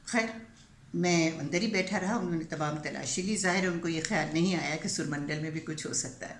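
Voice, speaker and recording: An older woman narrates a story in first person, measured and dramatic with drawn-out pauses. Her voice sits low. The room is echoey with a faint hiss behind her. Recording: roomy echo, faint background hiss.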